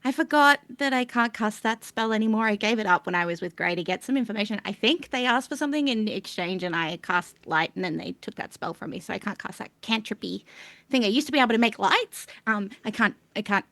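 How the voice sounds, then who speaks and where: A woman voicing a cheerful, scatterbrained young spellcaster who rambles brightly. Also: mid-range voice, animated, fairly quick, dry recording. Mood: chirpy. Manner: rambling, bubbly.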